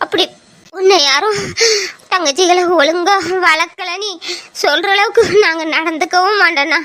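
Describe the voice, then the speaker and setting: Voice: very high voice, moderate pace, sharp tone. A young performer voicing a tender younger sister who earnestly pleads with her older brother in an amateur audio drama. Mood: pleading. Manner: earnest, pleading, tearful at times.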